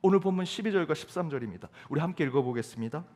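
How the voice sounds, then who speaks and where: The pastor's sermon comes out animated and racing, with a slightly mellow quality, his pitch high for a man. He preaches emphatically and through questions while the sanctuary's long reverb carries each phrase off into the hall.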